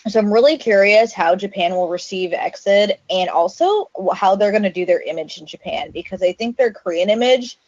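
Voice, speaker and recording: A woman's voice: medium pitch, a little fast, hardly any pauses, a little mellow, no echo. A woman with a mid-range voice chats as an eager music fan on a podcast. She hesitates and fills her sentences with "like" and "you know." The recording sounds dull and lo-fi. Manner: chatty fan, hesitant with fillers. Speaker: podcast co-host. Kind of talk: casual music podcast chat.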